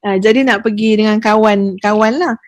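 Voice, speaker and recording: A woman's voice: mid-range voice, moderate pace, slight background noise. A woman religious teacher, telling stories with feeling in a podcast chat. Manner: lively storytelling, lively with emotion.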